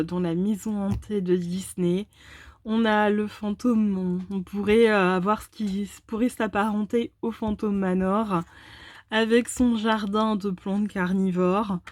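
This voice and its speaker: A woman's voice: mid-range voice, steady tone, measured pace, darkish tone. A woman hosting a casual presentation of oracle card decks, chatty and hesitant with many fillers. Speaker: tarot and oracle card channel host.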